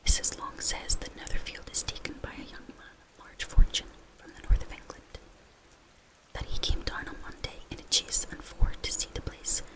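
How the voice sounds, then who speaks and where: Whispered voice, breathy, unvoiced, ASMR audiobook narration, classic novel. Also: moderate pace, poor audio.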